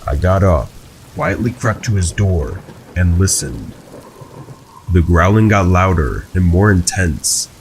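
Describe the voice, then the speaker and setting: Deep-voiced guy reading a scary story slow and even, light rain in the background. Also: slight background noise, low-quality recording. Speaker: horror story narrator. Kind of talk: scripted first-person horror narration. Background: rain sounds.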